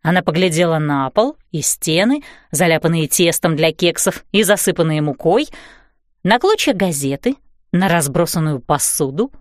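A woman reading a children's storybook aloud in a lively, animated style. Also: lowish voice, moderate pace, no room sound, clean studio sound. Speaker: audiobook narrator. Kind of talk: expressive storybook narration.

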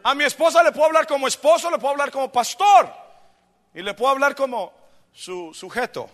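A male pastor preaching a sermon, moving from quiet storytelling to shouted emphasis. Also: extremely high pitch, brisk, long reverb tail. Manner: animated preaching, swings from soft storytelling to shouting. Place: church.

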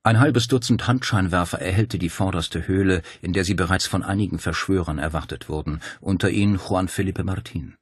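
A man reading a thriller audiobook in a steady, measured storytelling voice. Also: low voice, husky, no room sound, studio quality. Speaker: audiobook narrator. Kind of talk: scripted narration.

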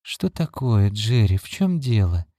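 A man reading an audiobook, voicing a gentle woman who speaks softly and soothingly. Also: fairly low pitch, big pitch swings, a little slow, no echo, clean studio sound. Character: gentle woman, loving partner. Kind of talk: audiobook character voice.

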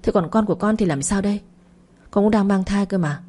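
A woman's voice: medium pitch, a little fast, warm tone, a little hiss or hum, lightly acted. A woman voicing a grieving young wife. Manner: tearful, pleading and indignant.

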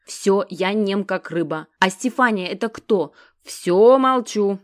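A woman's voice: mid-range voice, lively intonation, slow, pitched above the performer's own voice. A woman voicing a chatty, good-natured young man who rambles and mumbles, in an audiobook. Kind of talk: audiobook character voice.

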